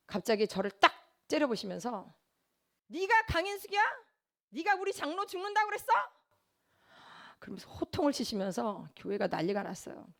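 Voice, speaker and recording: A woman with a gravelly, creaky voice of middle pitch shares a testimony in a sermon. She tells her story earnestly, in a confessional tone. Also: a little mellow. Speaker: lay preacher giving a testimony. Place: church.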